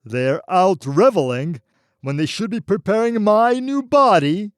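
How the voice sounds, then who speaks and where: Haughty lord, man voicing: indignant, demanding, lively pitch. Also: a little slow, smooth, dry recording, clean studio sound. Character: stern male lord, haughty and impatient.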